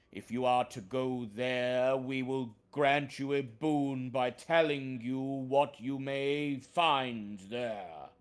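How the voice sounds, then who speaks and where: A man's voice: medium pitch, clean tone, pitched above the performer's own voice. An ancient talking tree, played by a male game master speaks with grave formality. The grumbling treant takes its time over every pronouncement, solemn and weighty, as in a fantasy tabletop game.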